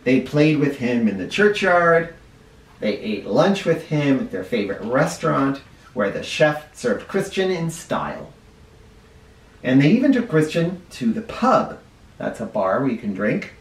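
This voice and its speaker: Reading a children's picture book with expressive delivery, this male first grade teacher has a mid-range voice and a measured pace. He stops occasionally to explain words for his young listeners, and the distant mic picks up room echo.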